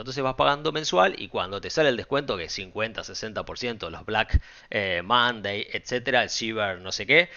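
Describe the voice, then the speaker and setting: A man with a Rioplatense Spanish accent walking viewers through a trading software tutorial in a casual, direct way, often checking in with the listener. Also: medium pitch. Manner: casual, direct, frequent check-ins and fillers. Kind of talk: screen-share software tutorial. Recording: dull lo-fi sound.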